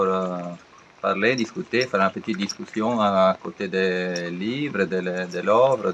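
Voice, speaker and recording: A man with an Italian accent, a native Italian speaker giving an interview in halting, foreign-accented French, searching for words. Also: low voice, fairly bright tone. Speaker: interviewed artist. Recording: dull lo-fi with faint background noise.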